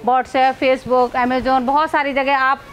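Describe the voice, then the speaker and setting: A woman's voice: sits high, level tone, slow pace. A woman in her thirties hosts a business video, asking a seller questions and talking to viewers in an upbeat way inside a large warehouse on a lapel mic. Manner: upbeat, addressing viewers as friends. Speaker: host. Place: large clothing warehouse indoors. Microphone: clip-on lapel mic.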